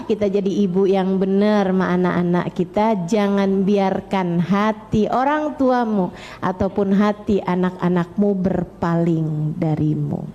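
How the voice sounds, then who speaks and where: A woman's voice: mid-range voice, dark tone, highs cut off. A woman preacher giving religious advice to parents, speaking colloquially, repeating phrases for emphasis, asking rhetorical questions and addressing mothers directly. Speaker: Islamic preacher.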